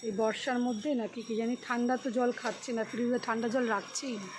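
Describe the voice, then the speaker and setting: A somewhat high-pitched woman in her forties talks in a chatty, rambling way, her voice a little hoarse from strain. She is outdoors in a garden, and the recording carries clear background noise with birds and crows calling. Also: fairly even intonation, fairly quick. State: slightly hoarse voice. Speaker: vlogger. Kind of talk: casual garden vlog chat.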